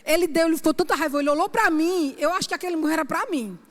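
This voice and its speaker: A woman's voice: very high-pitched, very fast. A woman minister from Brazil, preaching an emphatic sermon and often asking the congregation "Amém?". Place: church sanctuary. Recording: long church-hall reverb.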